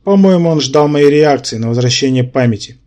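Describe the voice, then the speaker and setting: Male audiobook narrator, mid-pitched voice, steady first-person telling with wry asides. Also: a little fast.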